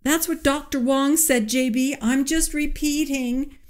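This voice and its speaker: A man's voice: very high voice, steady tone, a little slow, voice pushed up. A woman playing a nervous, fawning male assistant who hesitates and stammers. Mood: apologetic. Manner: hesitant, um-ing.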